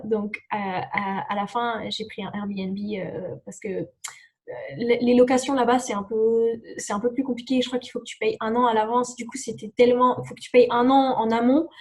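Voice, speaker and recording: This exchange student guest is a young woman who grew up speaking English. Her pitch is on the high side with a darkish quality, and she responds to the interviewer loosely, often restarting and leaning on fillers.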